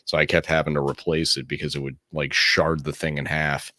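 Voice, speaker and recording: Male co-host, extremely deep and dry, loose and sweary, corrects himself constantly. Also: little pitch movement, brisk, pushed and bright, no room sound. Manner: rambling, profane, self-correcting. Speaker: podcast co-host. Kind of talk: casual sports chat.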